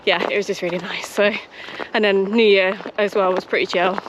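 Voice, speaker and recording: A woman's voice: mid-range voice, steady tone, fairly quick, dull audio. Young British woman chatting while running, noisy outdoors. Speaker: running vlogger. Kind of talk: casual chat to camera. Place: outdoors on a frosty countryside trail. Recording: noisy outdoor audio with clicks.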